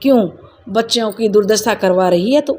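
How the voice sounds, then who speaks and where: A woman's voice: mid-range voice, moderate pace, darkish tone, lightly acted. A woman voicing a cruel, jealous husband who speaks harshly and accusingly, close to her own voice.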